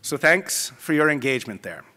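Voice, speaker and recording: A middle-aged man at a conference podium, giving prepared welcome remarks in a measured, formal way. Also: a little high, sing-song, bright, forceful tone. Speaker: conference host. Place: large conference ballroom. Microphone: podium microphone. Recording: long hall reverb.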